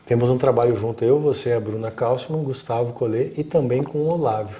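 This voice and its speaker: A Brazilian man spins a long story in easy, unhurried talk, slipping into the voices of the people in it. His tone is dark and mellow, sitting at an ordinary middle pitch. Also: slight background noise. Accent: Brazilian Portuguese. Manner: animated, acts out quoted dialogue. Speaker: guest storyteller. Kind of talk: casual live-stream storytelling.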